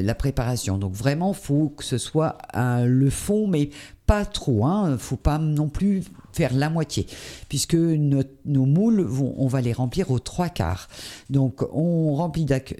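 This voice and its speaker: A man hosts a cooking demonstration and explains each step as he goes. His voice is very dark and mellow, at a middle pitch, and he talks in a hesitant way, full of fillers. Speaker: cooking show host.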